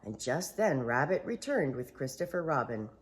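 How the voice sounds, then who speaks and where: A woman's voice: very deep voice, sing-song, moderate pace. An older woman reading a children's story in a grandmotherly, storytelling manner. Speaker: storybook reader.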